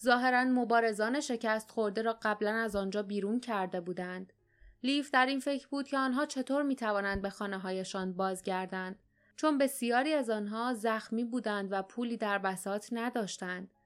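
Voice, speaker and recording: A woman reading an adventure audiobook in a calm, even storytelling manner. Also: a little high, smooth. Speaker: audiobook narrator. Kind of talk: scripted narration.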